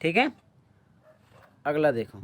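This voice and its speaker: Man teacher going over exam questions, slow and steady, bit high voice, keeps clearing his throat and asking if it's clear. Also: no echo. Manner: quizzes students, answers his own questions, often says "ठीक है". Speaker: Hindi teacher. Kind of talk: exam-prep lesson explaining answers.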